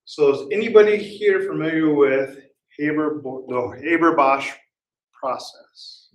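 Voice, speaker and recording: A man's voice: on the high side, measured pace. A man giving a casual conference talk, quizzing the audience and laughing at himself. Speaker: conference speaker. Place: conference room. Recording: echoey hall, voice heard from a distance at times.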